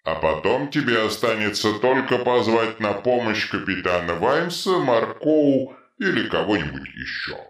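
A man voicing a huge troll who has suddenly become clever, speaking in slow, measured, pedantic phrases. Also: lowish voice, sing-song, fairly bright tone, roomy sound. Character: huge male troll, suddenly brainy and precise.

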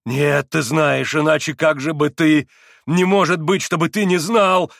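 A male reader voicing a tormented, fierce young man who shouts demands and then turns icy cold. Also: mid-range voice, expressive, moderate pace, no echo, studio quality, natural voice. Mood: frantic.

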